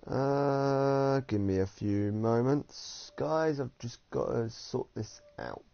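A man's voice: medium pitch, sing-song, slow, gravelly, warm tone. A man from the UK giving rambling, giggly casual commentary while streaming a game. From United Kingdom. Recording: dull lo-fi streaming audio.

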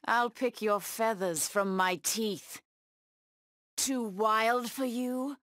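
A woman voicing a savage, proud cheetah-woman huntress in a video game, taunting her prey with deliberate menace. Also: a little high, fairly bright tone, dry recording. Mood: fierce, proud.

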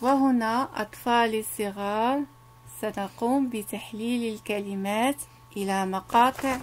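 A woman teaching young children to read, sounding out syllables slowly and coaxing them to repeat after her. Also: on the high side, fairly even intonation, background noise. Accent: Moroccan. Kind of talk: reading lesson for young children.

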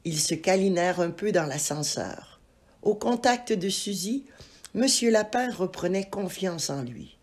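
Slow, husky woman reading a storybook. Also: fairly low pitch. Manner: expressive, animated storytelling. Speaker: narrator.

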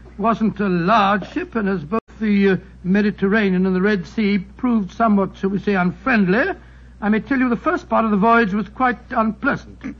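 An actor playing a genial, older doctor who is fussy and chatty in 1940s radio acting. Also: male voice, sits high, normal speed. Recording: dull old radio broadcast with music.

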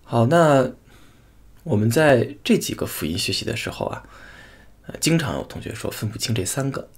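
A man teaching a pronunciation lesson, saying each sound twice in slow, drawn-out demonstrations. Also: mid-range voice, sing-song, breathy edge. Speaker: language teacher.

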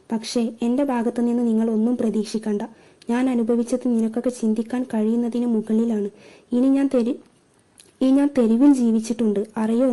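A woman's voice: a little high, natural voice. A woman voicing a hurt, bitter young woman with a curt, scornful manner. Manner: curt, scornful, flares into shouting.

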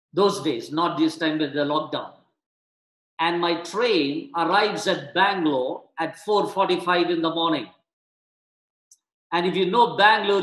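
A man's voice: sits high, fairly bright tone. A middle-aged man, preaching a sermon as pastor, telling stories and asking his listeners rhetorical questions. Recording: echoey webcast audio.

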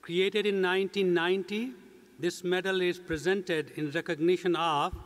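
Older guy reading a formal ceremony speech at a podium, voice a bit high, long echo of a big hall. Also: steady tone. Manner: measured, read from script. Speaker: university president. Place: large indoor commencement stage. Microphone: podium mic.

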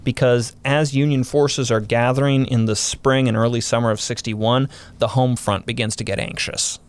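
A man's voice: medium pitch, steady tone, moderate pace, smooth. A man, a historian guest on a podcast, explaining military history in a casual but detailed way, running through units and dates.

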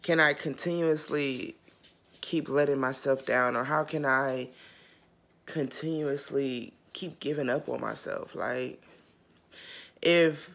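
A woman vlogger crying as she reacts to her old footage, slow and self-critical. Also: rumbling low, vocal fry, a bit bright. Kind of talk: reaction commentary.

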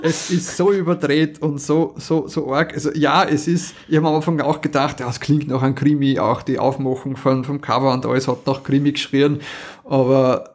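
At a moderate pace and in a mid-range voice, this podcast co-host chats casually about audio dramas. Lively and frequently laughing, he recounts a story and keeps restarting his sentences.

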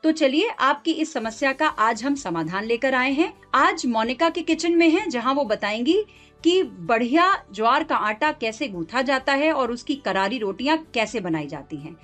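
A woman's voice: high-pitched, lively intonation, moderate pace, a bit bright. A woman hosting a cooking show, introducing the episode and commenting in a polished, inviting tone. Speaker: show host and narrator. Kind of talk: presenter voice-over. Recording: light background music.

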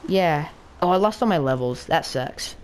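A woman with a lowish voice chats casually while gaming. She talks through every step out loud and gets frantic and excitable when things go wrong. A faint hiss sits under her voice. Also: moderate pace. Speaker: gaming channel co-host. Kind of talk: casual let's play chat.

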